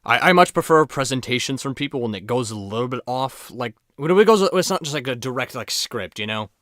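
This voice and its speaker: A man's voice: medium pitch, animated, brisk, a bit bright, dry recording, clean studio sound. A man chatting casually as a gaming streamer, rambling and joking with plenty of swearing. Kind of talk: casual chat while playing and reading game dialogue.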